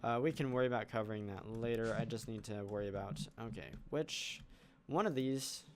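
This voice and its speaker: A man's voice: on the low side, a little fast, a little hiss or hum. A man hosting a game channel, thinking aloud in casual let's play commentary as he builds. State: hiccuping. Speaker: gaming channel host.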